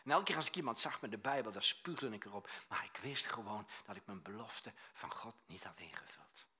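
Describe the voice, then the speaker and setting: A male preacher delivers a storytelling sermon with a bright, husky voice. He acts out the voices in his stories, jumping from loud bursts to near-whispered asides. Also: lowish voice, a little fast. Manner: animated storyteller, acts out dialogue, swings from loud to hushed.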